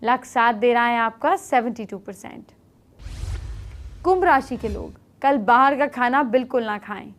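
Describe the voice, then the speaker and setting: A middle-aged woman hosting an astrology show, briskly giving horoscope remedies and speaking straight to viewers. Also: on the high side, soft background music. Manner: brisk, instructive, addresses viewers directly.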